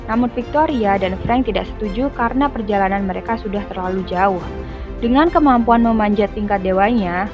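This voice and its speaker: A woman narrates a film's plot in a scripted, even storytelling voice, moving through events one after another. The voice-over sounds slightly dull and lo-fi, with faint music playing beneath it. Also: medium pitch. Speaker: film recap narrator.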